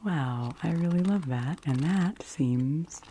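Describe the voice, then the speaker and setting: An ASMR video host, a woman, speaks in a soft, breathy, low-sitting voice that often falls to a whisper. Her delivery is gentle, hushed and unhurried, with slight background noise.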